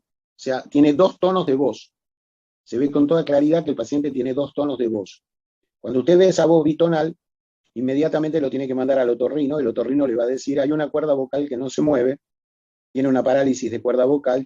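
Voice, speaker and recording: A man's voice: medium pitch, mellow, breathy edge, no room sound, highs cut off. A man giving a recorded medical lecture, explaining methodically and addressing students formally.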